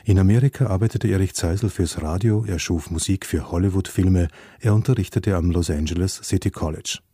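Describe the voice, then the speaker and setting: A man narrating a scripted radio feature in a measured, formal manner. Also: deep voice, warm tone, slightly rough, no room sound, clean studio sound.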